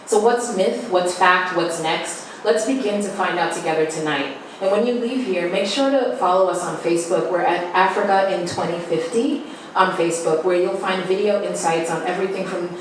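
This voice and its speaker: A woman's voice: fairly low pitch, distant mic, a little hiss or hum. Woman reading figures in an echoey hall. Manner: reading statistics in a measured delivery. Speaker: event presenter. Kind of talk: scripted opening presentation. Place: large echoey event room indoors.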